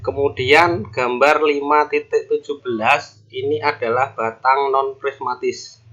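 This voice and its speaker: A male university lecturer explaining engineering formulas step by step, with measured pauses as he reads each formula aloud. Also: medium pitch, steady tone, a bit bright, lo-fi sound. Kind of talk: recorded online lecture.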